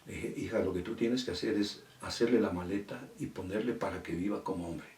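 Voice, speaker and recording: A man's voice: on the low side, a little fast, a little mellow. A middle-aged male pastor preaching a sermon, telling a story and quoting the people in it. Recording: echoey room from far off.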